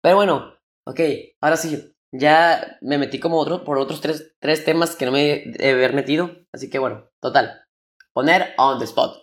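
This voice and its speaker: A man's voice: on the high side, moderate pace. A young man with a Mexican Spanish accent, hosting a solo podcast from home in a rambling, slangy, self-interrupting way. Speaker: podcast host. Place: home room.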